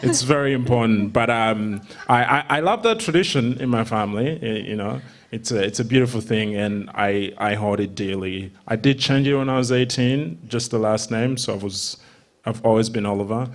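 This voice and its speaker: Speaking into a handheld microphone on a theatre stage in front of a seated crowd, a young Rwandan man in his twenties shares humorous anecdotes as an interview guest. The comedian has a medium-pitched voice and delivers his stories casually, with some hesitation.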